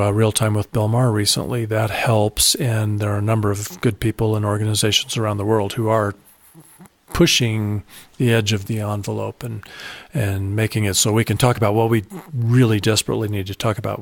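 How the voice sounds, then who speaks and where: A man hosting a podcast, talking in a steady, matter-of-fact, explanatory way. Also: on the low side, vocal fry, no echo. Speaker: podcast host. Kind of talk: casual podcast chat.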